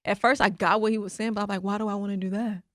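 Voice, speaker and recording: A young woman co-hosting a casual podcast, talking enthusiastically and filling every pause with "like". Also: medium pitch, flat delivery, fairly bright tone, no room sound, clean studio sound. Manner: filler-heavy, enthusiastic, says "like" constantly. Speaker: podcast co-host. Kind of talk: casual chat.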